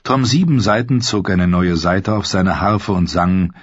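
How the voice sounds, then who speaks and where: A man reading an audiobook in steady, scripted narration. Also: sits low, a little slow, breathy edge, no echo. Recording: slightly dull, dry recording.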